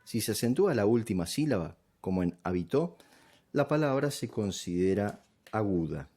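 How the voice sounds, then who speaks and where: A man teaches a grammar lesson. He explains patiently, one step at a time, pausing to ask if the listener is following. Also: lowish voice, expressive, dark tone. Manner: patient, step-by-step, checks understanding with "¿sí?".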